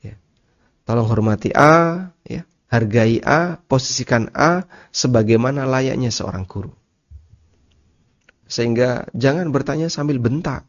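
A man's voice: medium pitch, expressive. Male teacher at a study session; patient, repetitive explaining, dull recording. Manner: explains slowly, repeats key terms, asks listeners rhetorical questions. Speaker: Islamic teacher. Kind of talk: religious study lecture.

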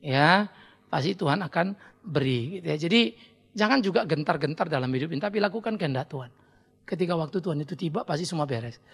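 A middle-aged man with an Indonesian accent preaching a sermon as pastor, animated and teasing, acting out his listeners in quick asides. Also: on the high side, husky.

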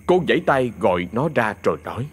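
A man narrating an audio ghost story in an expressive, dramatic storytelling manner. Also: on the low side, fast talker, slightly rough.

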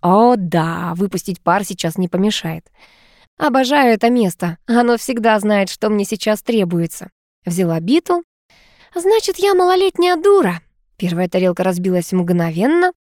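A woman narrating a first-person audiobook story in a lively, expressive way. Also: mid-range voice, normal speed, no echo, studio quality.

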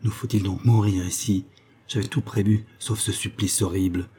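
A man's voice: fairly even intonation, moderate pace, dark tone, a little hiss or hum, natural voice. A man voicing a brutish male prison guard, strained and anxious. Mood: despairing. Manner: low and strained.

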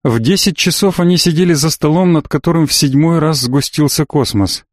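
A man narrating an audiobook in an even, measured reading voice. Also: a little high, no room sound, studio quality. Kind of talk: scripted narration.

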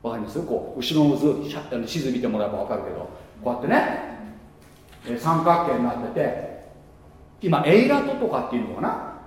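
A man's voice: mid-range voice, big pitch swings, a little fast. A man preaching a sermon as pastor, mixing casual asides with rhetorical questions to the congregation. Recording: echoey hall recording.

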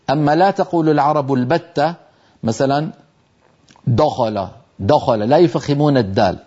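Older male teacher, warm and demonstrative. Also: mid-range voice, highs cut off. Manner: explanatory, demonstrates letter sounds aloud. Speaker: Quran recitation teacher. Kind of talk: televised lesson.

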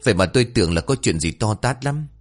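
Arrogant middle-aged dad, deep and stubborn; narrator doing the voice. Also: male voice, animated, fast, breathy edge, soft background music. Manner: dismissive, blustering.

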